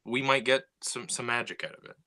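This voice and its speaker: A man who is a writer co-hosts a casual podcast, explaining his ideas and building his points step by step. His mid-range voice is sharp in tone and a little fast.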